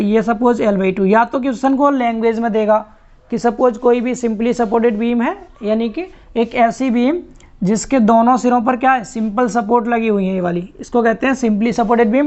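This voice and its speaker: A man's voice: very high voice, darkish tone. A man teaching an online lecture, explaining step by step and repeating key terms. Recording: muffled lo-fi recording.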